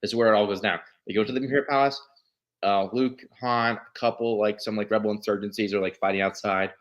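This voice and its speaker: A man co-hosting a podcast, retelling a story in a rambling, excitable way, with frequent restarts and swearing. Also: lowish voice, fast talker. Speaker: podcast co-host. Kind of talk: casual chat, retelling a story.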